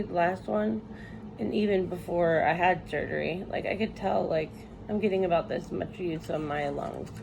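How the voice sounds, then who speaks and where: Woman, post-surgery patient vlogger, weak and weary, gravelly fry, halting casual delivery over clear background noise. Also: lowish voice. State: tired, recovering from surgery. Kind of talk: casual chat to camera. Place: hospital room.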